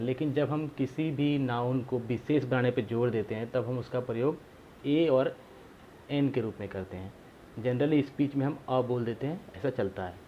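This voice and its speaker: A man's voice: medium pitch, lo-fi sound, a little hiss or hum. A man teaching a grammar lesson, explaining patiently and repeating himself, asking rhetorical questions to his viewers.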